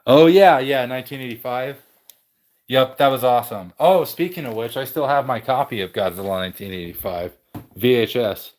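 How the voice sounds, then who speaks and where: A man's voice: medium pitch, a little fast. A man hosting a casual livestream from his game room at home, greeting viewers and rambling through his collection with frequent restarts. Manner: rambling, self-correcting. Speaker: livestream host. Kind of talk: casual chat with live viewers.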